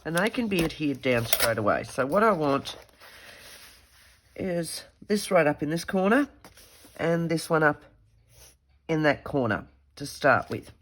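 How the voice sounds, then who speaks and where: A craft video host with a head cold and stuffy nose chats casually to herself while working on a project, in a relaxed tutorial. Her low-pitched voice has lively intonation and a slightly slow pace with long pauses, over slight background noise.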